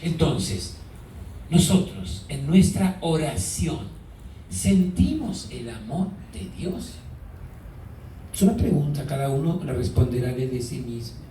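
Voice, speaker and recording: A man's voice: mid-range voice, big pitch swings, mellow, a little hiss or hum. A man preaching a sermon as a priest, questioning the congregation and stretching out key words. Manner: asks the congregation questions, drawn-out emphasis. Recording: echoey hall, mic far off.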